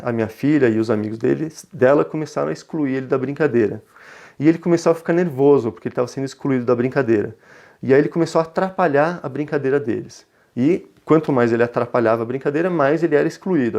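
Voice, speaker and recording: Brazilian man in his thirties, parenting educator, gentle and reflective, mid-pitched, relaxed webinar delivery. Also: gravelly. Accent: Brazilian Portuguese. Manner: calm, reflective, gentle, often ending phrases with a questioning tag. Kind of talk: conversational webinar talk.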